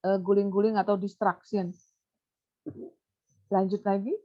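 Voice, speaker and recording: A woman consultant and behaviour therapist giving an animated webinar talk, now and then putting on a high coaxing voice to show how to talk to a child. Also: unhurried. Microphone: webinar computer mic. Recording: muffled online webinar audio.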